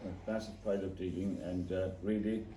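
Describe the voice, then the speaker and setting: A man with a County Cork Irish accent speaks informally to a gathering, halting and repeating his words. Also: deep voice, steady tone, mellow. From Ireland. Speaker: singer and traditional storyteller. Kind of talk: informal off-the-cuff speech to a gathering. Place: echoey indoor room before an audience. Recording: echoey room, distant mic, background noise.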